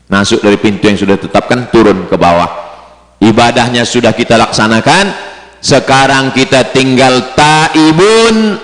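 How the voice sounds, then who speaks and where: A male preacher giving a sermon to pilgrims, rising into high chanted Arabic phrases and dropping low and quiet. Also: animated, moderate pace. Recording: echoey hall sound.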